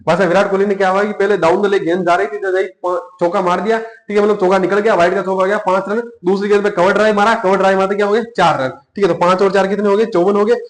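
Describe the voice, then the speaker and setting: A man's voice: high voice, little pitch movement, quick pace, few pauses, reverberant. A man with a Rajasthani Hindi accent teaching an exam class, chatty and repetitive, asking himself questions as he goes. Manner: chatty, repeats points and asks himself questions. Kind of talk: classroom lecture with memory tricks.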